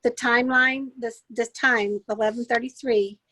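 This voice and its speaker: A slightly high-voiced woman asks questions in a casual interview, restating details to be sure she has them right. Her voice sounds close and dry, with no room echo. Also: steady tone, normal speed, bright, forceful tone. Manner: inquisitive, repeats and rephrases to clarify. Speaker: co-host interviewer.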